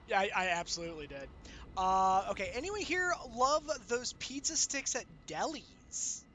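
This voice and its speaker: A man with a high, bright voice hosts a casual livestream. He talks to viewers in an animated, informal way, with faint noise behind him. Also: normal speed. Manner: animated, exclaiming when greeting viewers. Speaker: streamer host.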